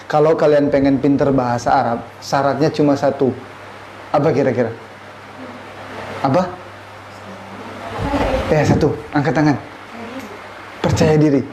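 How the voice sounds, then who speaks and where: A man's voice: medium pitch, steady tone, normal speed, pauses often, darkish tone. A man from Indonesia in his thirties teaching a classroom lesson, quizzing his students and mixing Arabic phrases into his talk. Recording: echoey classroom, faint room noise.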